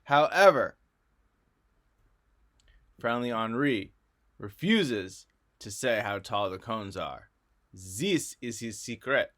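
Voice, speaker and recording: A man's voice: fairly low pitch, expressive, slow pace, a bit bright. A male math teacher talking through a recorded video lesson in a friendly, explanatory way.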